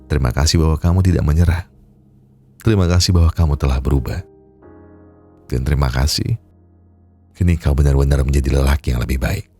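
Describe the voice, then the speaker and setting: A man's voice: extremely low pitch, fairly quick, pauses often, warm tone, soft background music. A man reading the lines of a grateful young woman in love, his voice nasal and congested from a cold. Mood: tender.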